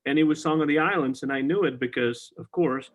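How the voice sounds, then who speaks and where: This is a middle-aged man hosting a casual music podcast, eagerly going over old songs with many fillers and false starts. He has a voice on the high side and talks fairly quickly, recorded via video call.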